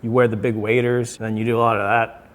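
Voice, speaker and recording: A man's voice: mid-range voice, level tone, fast. Easygoing man in casual reselling chat. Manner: easygoing, joking banter. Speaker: reseller co-host.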